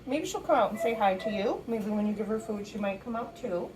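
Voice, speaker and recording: A volunteer trainer gives an instructional walkthrough in a shelter's cat room, speaking expressively and fairly quickly yet softly and patiently. She talks to the cats in a high sing-song baby voice. The recording is distant and echoey, with background noise.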